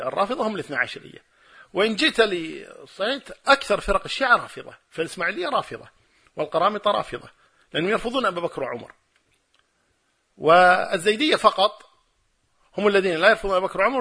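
A middle-aged man giving a religious lecture and answering questions from listeners, arguing emphatically and building his points through forceful repetition. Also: high-pitched, breathy edge.

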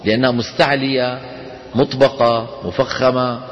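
A man's voice: mid-range voice, level tone, moderate pace, highs cut off. A man teaching a class. He explains step by step, poses questions and answers them himself. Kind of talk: classroom lesson. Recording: long hall reverb.

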